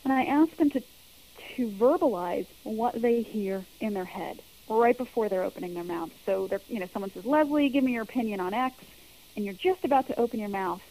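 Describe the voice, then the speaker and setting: A woman's voice: medium pitch, fairly quick, mellow, rough recording. A woman who works as a public speaking coach, answering interview questions in an earnest, explanatory way and repeating her key points.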